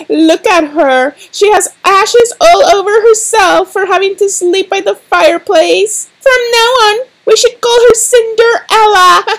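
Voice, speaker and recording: A very high, squeaky girl's voice, spoiled and spiteful. This haughty storybook stepsister talks like a vain brat. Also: unhurried, hardly any pauses, a bit bright, heavily acted. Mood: mocking. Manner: haughty, bratty.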